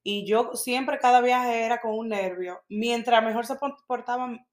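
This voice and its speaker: A woman's voice: on the high side, unhurried. A middle-aged woman, co-hosting a casual chat and telling stories with emphatic repetition. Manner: animated storytelling, emphatic repetitions. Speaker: podcast co-host, mother. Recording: echoey room.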